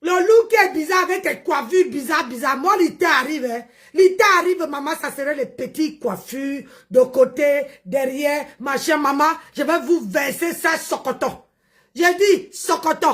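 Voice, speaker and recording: A woman with a high voice rants on a livestream. She mocks and confronts, hammers her points by repeating phrases, and often breaks into shouts. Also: moderate pace. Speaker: livestream host. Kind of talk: livestream rant.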